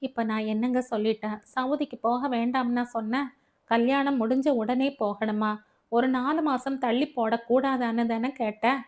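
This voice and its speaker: A woman's voice: fairly high pitch, steady tone, normal speed, darkish tone, lightly acted. A woman reading the lines of a clingy young newlywed wife in an audio novel, in a pleading way. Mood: protesting.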